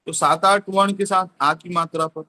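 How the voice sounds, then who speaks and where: A man explaining a teaching method in an online class, slowly repeating example words. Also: high voice, fairly even intonation, sharp tone. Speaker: teacher training trainer.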